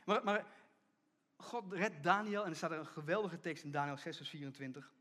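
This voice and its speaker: A middle-aged man preaching a sermon as pastor, telling a story and acting out the people in it, often dropping to a hushed tone for emphasis. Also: fairly high pitch, normal speed. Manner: storytelling preacher, acts out quoted voices, drops to hushed emphasis.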